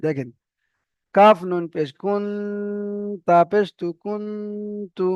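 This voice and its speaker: Male teacher, high clear voice, dry and slightly muffled recording, spells letters then chants them slowly. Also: darkish tone, dry recording, faint music behind. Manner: spells letters and vowel marks aloud, then draws out the chanted word slowly. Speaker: Quran reading teacher. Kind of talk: spelled-out recitation lesson.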